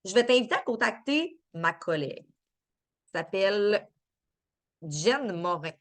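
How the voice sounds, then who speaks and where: A woman's voice: medium pitch, lively intonation, a little slow. A woman with a Québécois French accent, chatty and upbeat, answering viewers' chat questions on a live stream with lots of fillers and restarts.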